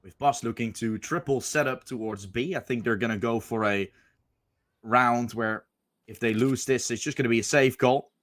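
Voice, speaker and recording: Casting: male esports caster, medium pitch, live match commentary in clipped phrases. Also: moderate pace, fairly bright tone.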